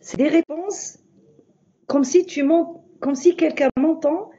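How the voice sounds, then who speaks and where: A woman's voice: sits high, slow pace, dark tone, dull audio. A non-native French-speaking woman with a foreign accent, talking casually and from the heart, searching for her words. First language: not French. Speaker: member of an online group. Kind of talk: casual heartfelt group talk.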